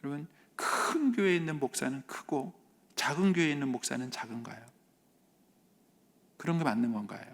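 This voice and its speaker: A man in his fifties, a senior pastor, preaching an emphatic sermon in a church and rising sharply in pitch when he voices a quoted speaker. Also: expressive, brisk, vocal fry, pauses often. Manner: emphatic preaching, voice rising high when quoting the elder son. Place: church sanctuary.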